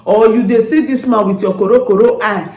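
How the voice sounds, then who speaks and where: A woman's voice: fairly high pitch, fairly even intonation, brisk, darkish tone. A Nigerian woman hosting a storytelling vlog in Nigerian Pidgin, addressing followers casually and repeating words for emphasis. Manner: emphatic word repetition. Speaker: YouTube storyteller and channel host. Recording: roomy echo.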